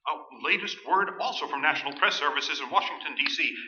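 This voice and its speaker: Performing in a radio play on stage, an actor voices a grave male newsreader who urgently delivers formal, emphatic bulletins. He speaks fast in a slightly high, bright, forceful tone. The live recording from an echoey room comes across dull and echoey.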